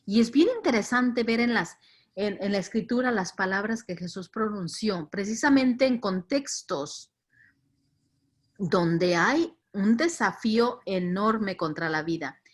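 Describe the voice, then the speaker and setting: A woman with a Latin American Spanish accent leads a virtual faith formation session reflecting on scripture. Her voice is mid-range and unhurried, and she sounds reflective, repeating words and stressing key ideas.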